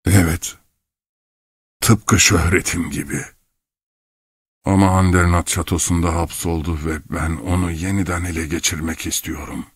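A man's voice: low voice, little pitch movement, moderate pace, long pauses, husky, no room sound, clean studio sound. A man doing a dazed old clockmaker. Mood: obsessed.

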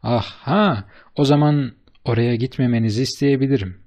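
A man voicing an eager, flattering bearded businessman who speaks with emphatic enthusiasm in an audiobook. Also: mid-range voice, moderate pace, lightly acted. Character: eager, fast-talking bearded businessman, middle-aged man.

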